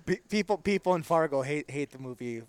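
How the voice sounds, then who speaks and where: A man's voice: a little high, lively intonation, fairly quick, darkish tone, smooth. A man with a sing-song Upper Midwestern accent like North Dakota's, a pastor chatting casually as an interview guest in a modest, hesitant way. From South Dakota, United States. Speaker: pastor and author, podcast guest.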